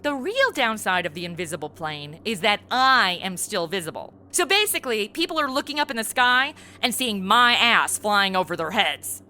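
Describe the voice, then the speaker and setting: A woman's voice: mid-range voice, big pitch swings, normal speed, few pauses, bright, forceful tone, slight background noise. A woman playing a flippant, sarcastic young superheroine in a comedy audio drama. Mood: exasperated. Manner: sarcastic, breezy, slangy.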